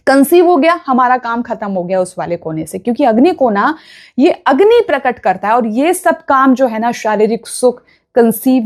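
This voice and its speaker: Speaking straight to her audience on camera, a female vastu consultant gives sincere, teaching-style guidance, pausing often to make sure viewers understand. Her voice is a touch high and gently mellow.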